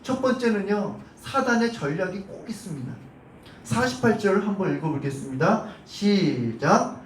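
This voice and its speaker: A high-voiced male pastor delivers an animated Sunday sermon, acting out the shouts of the crowd and putting questions to his congregation. The sound is roomy and comes from a mic some way off in the church, with a faint hum behind him. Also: normal speed, recorded from a distance. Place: church sanctuary.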